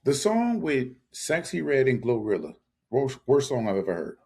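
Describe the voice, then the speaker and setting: A man's voice: mid-range voice, sing-song, moderate pace, warm tone, husky. A man co-hosting a casual podcast chat, giving blunt, emphatic opinions and repeating his points. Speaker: podcast co-host.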